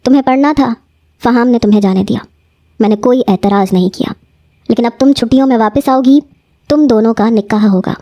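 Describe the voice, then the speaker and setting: A woman's voice: on the high side, warm tone, natural voice. A woman voicing a stern, domineering old grandfather who speaks curtly and gives commands. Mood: threatening. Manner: curt, commanding, threatening.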